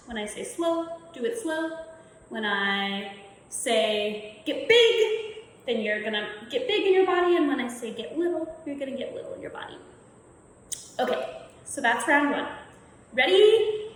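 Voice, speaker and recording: A woman leading a youth movement workshop, giving playful, encouraging instructions and calling out commands for a warm-up game. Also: fairly high pitch, slight background noise. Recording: echoey, reverberant room.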